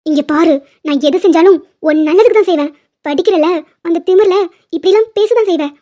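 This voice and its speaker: A woman's voice: very high voice, brisk, dark tone. A woman voicing a stern, domineering middle-aged mother in a cartoon drama, harsh and scolding. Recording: dull lo-fi audio.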